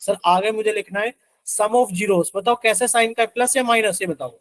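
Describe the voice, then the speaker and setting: High-voiced man teaching an online math class. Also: moderate pace, fairly bright tone. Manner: asks students questions constantly, voices their replies as "sir".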